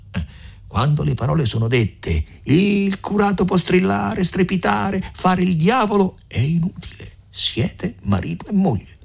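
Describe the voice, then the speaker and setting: A shrewd, scolding peasant mother, as a man puts her on, in a lively, swooping voice. Her voice is raised and husky with breath, and she presses every point. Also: sits high, pitched above the performer's own voice, full character voice. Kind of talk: audiobook reading.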